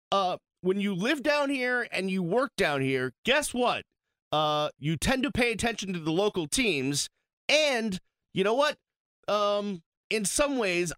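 A man's voice: high voice, dry recording, clean studio sound. A man from Boston co-hosting a sports radio show in a casual, emphatic way. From Boston, USA. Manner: animated, emphatic, quick asides. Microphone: studio microphone.

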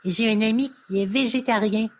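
A bright, slightly high young boy from a children's TV show, full of eager questions as a woman acts him out. He sounds cheerful and wide-eyed, always keen to learn something new. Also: normal speed, lightly acted. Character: curious cheerful young boy puppet host. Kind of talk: children's TV dialogue.

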